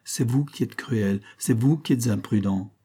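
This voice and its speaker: A man's voice: medium pitch, measured pace, warm tone, breathy edge. A man reading aloud and voicing a young woman in love, pleading urgently and emotionally.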